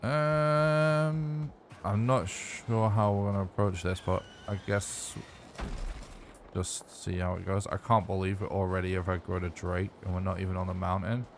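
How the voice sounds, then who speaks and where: A man streaming a speedrun, thinking aloud in relaxed, muttered commentary. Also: sits low, normal speed, vocal fry, noisy background. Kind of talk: casual gameplay commentary.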